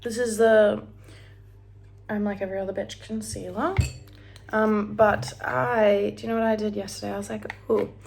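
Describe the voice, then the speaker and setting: Doing her hair and makeup at home, a young woman with an Australian accent rambles casually to the camera, occasionally singing or whispering. Her mid-range voice carries vocal fry and a darkish tone, with fairly even intonation at normal speed. There's a little hiss or hum.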